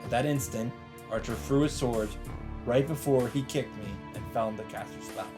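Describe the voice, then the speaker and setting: Speaking at a normal speed in a mid-range voice, this man narrates a visual novel dramatically as a let's play host, following the script. The game's soundtrack is loud beneath his voice.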